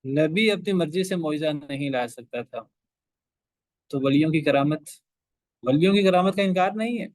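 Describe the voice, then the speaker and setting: A man's voice: on the high side, expressive, long pauses, a little mellow, dry recording. A man teaching a class on scripture, pressing his points with repeated rhetorical questions and restated phrases. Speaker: Quran teacher. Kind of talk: religious lecture to a class.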